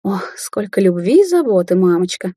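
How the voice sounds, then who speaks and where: Woman voicing a scornful young witch daughter, husky, storybook read. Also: on the low side, expressive, moderate pace, warm tone, dry recording, studio quality. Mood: mocking. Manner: sarcastic, taunting. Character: young adult woman sorceress, mocking daughter. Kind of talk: audiobook character voicing.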